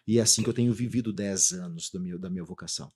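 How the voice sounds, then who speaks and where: A Brazilian man in his thirties, a lively storyteller chatting as a guest about his religious community life. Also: low-pitched, fast, breathy edge. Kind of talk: casual storytelling interview.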